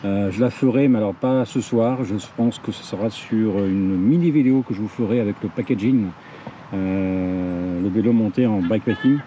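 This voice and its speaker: A man's voice: fairly low pitch, normal speed, mellow. A man doing a casual, hesitant walkthrough of his bike gear for his channel, with many fillers and self-corrections. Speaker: cycling vlogger. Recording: dull lo-fi audio with faint ambient noise.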